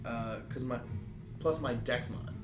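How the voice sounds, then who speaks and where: A man's voice: medium pitch, unhurried. A man playing a tabletop game, chatting casually and correcting himself in an apologetic way.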